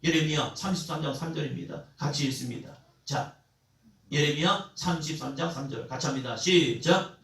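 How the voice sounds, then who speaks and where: A young male pastor preaching a Sunday sermon with call-and-response, building up to shouted cries. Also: a little high, normal speed. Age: young adult. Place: church sanctuary. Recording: echoey church hall, mic at a distance.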